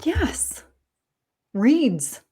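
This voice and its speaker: A woman's voice: sits high, drawn-out words. Wry, easygoing woman co-host. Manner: relaxed and conversational, wry asides. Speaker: co-host, former TV news anchor. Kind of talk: casual chat.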